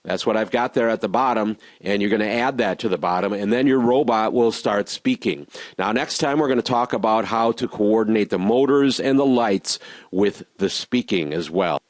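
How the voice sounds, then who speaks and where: A man teaching robotics in a screen-recorded software tutorial, walking through each step patiently and repeating reminders. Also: on the low side, normal speed, dry recording.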